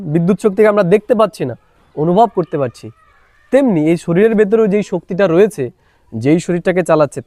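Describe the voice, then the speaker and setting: A man with a Bengali accent teaching meditation to a live audience, his voice sitting high for a man. He explains patiently with everyday examples and keeps checking whether his listeners follow. The sound is close and dry, with no room echo. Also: a little mellow. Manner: asks the audience rhetorical questions again and again. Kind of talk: spiritual lesson to a live audience.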